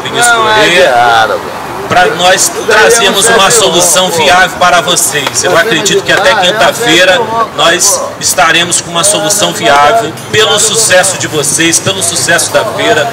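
A man in his thirties, a city councillor, giving a rousing speech to a crowd with a handheld mic in an outdoor square. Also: fairly high pitch. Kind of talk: public speech at a rally. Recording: distant mic, loud street noise outdoors.

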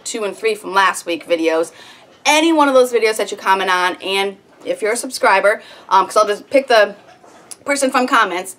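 A woman's voice: on the high side, fairly bright tone. A woman in her thirties chatting casually to camera in a small sitting room, rambling a little with lots of ums. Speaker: homestead vlogger.

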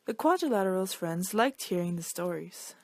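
A woman's voice: lowish voice, lively intonation, normal speed, darkish tone, no echo. Dry, close woman reading a storybook. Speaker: reader of a children's picture book. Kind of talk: expressive storybook read-aloud.

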